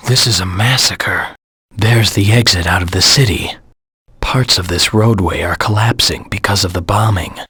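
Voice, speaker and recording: A man voicing a brooding, stern, proud hedgehog antihero in a video game, terse and grim, with a gravelly voice. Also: deep voice, moderate pace, pushed and bright, no room sound, clean studio sound, heavily acted. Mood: terse, focused. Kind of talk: video game character voice lines, dramatic monologue.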